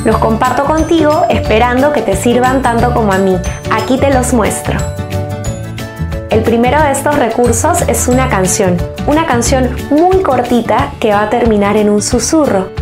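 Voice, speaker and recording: A woman teacher calmly explaining classroom techniques to other teachers, in a clear, measured way. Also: fairly high pitch. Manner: calm, clear, measured instruction. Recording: steady music playing under the voice.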